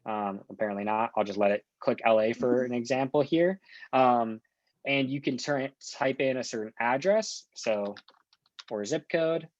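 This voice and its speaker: A man working as a software trainer talks through an on-screen walkthrough in an informal, explanatory and reassuring way. His mid-range voice moves at a moderate pace, and the lo-fi recording has no echo.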